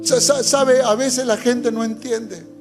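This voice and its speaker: A man's voice: very high-pitched, steady tone, takes it slowly. Male pastor, fervent urging sermon, faint background music, church reverb. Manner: fervent, urging, testimonial preaching. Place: church hall.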